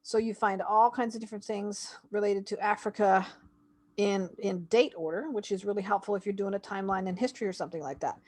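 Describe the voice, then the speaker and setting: A woman's voice: medium pitch, a little fast, darkish tone. Woman narrating a website walkthrough. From Canada. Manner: conversational, thinking aloud while clicking. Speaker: homeschool website reviewer. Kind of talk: screen-share website walkthrough.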